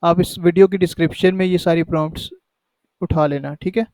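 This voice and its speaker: This tutorial host guides listeners through a casual screen recording step by step, keeping it conversational and repeating "ठीक है" to check in. He has a fairly high, steady, slightly mellow voice, a quick pace, and no echo.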